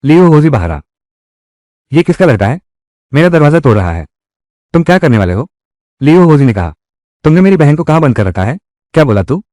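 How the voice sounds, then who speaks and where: A man narrating a dubbed drama recap, speaking every part in the same voice. His pitch sits mid-range but moves up and down. The sound is dry and close, with no echo. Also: dark tone. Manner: reads every part in one voice. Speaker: dubbing narrator. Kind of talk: Hindi drama recap dubbing.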